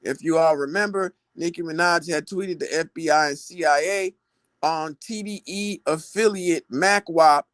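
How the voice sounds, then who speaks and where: A man's voice: on the high side, moderate pace, fairly bright tone, dry recording. A man giving casual celebrity gossip commentary, retelling stories in slangy talk and acting out the quoted lines.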